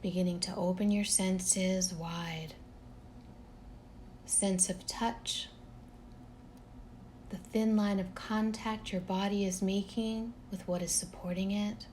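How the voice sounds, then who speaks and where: Slight background noise accompanies a woman's mid-range voice as she leads a relaxation meditation. She is gentle and calm, never rushing, and leaves long gaps between phrases.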